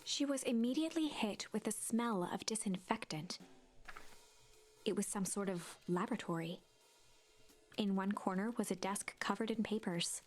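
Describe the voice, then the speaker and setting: A woman giving scripted storybook narration for a video game, in a hushed, suspenseful telling. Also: mid-range voice, moderate pace, faint music behind, natural voice.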